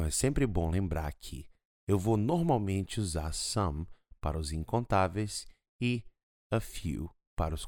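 A man with a Brazilian Portuguese accent teaching English on his podcast, drawing out his example sentences slowly. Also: low voice, a little mellow, no room sound, studio quality. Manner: slow, drawn-out model sentences in English.

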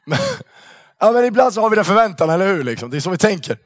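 A young man telling a story to young people in a casual, animated way, full of slang and fillers. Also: high voice, no room sound, studio quality. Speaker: youth speaker.

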